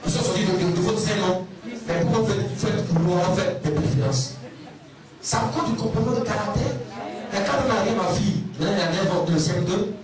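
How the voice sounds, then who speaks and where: High-voiced preacher in an echoey church. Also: male voice, a little fast, a crowd in the background. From Ivory Coast. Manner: emphatic preaching with call-and-response questions, sometimes sing-song. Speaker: pastor. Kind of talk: sermon. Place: large church hall. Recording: echoey, distant church sound with music. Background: music.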